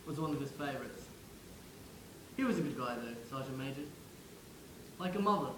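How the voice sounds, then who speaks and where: A man performs a theatrical monologue as the ghost of a young English WWI soldier, wry and conversational, talking directly to the listener with light acting. His mid-range voice moves at a moderate pace with lively intonation, and the reverberant recording has a noisy background.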